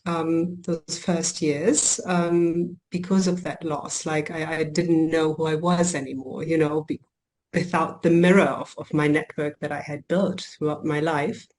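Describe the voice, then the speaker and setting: Reflective woman, lower voice, many ums. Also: a little mellow. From Germany. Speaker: coach and healer guest. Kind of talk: podcast interview.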